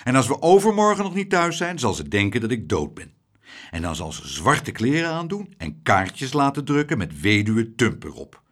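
A man's voice: mid-range voice, sing-song, normal speed. A man voicing a timid, fretful middle-aged husband in an audiobook, whining and self-pitying.

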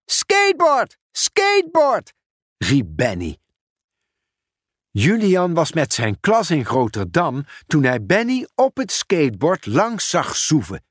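A man reading a children's story aloud in an expressive, unhurried manner. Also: fairly high pitch, slightly rough, no room sound, studio quality. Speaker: narrator. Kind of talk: storybook read-aloud narration.

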